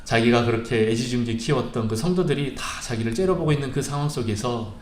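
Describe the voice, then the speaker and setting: A male pastor preaching a sermon, telling a story with frequent "uh" pauses and vivid retelling. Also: mid-range voice, roomy sound. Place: church sanctuary.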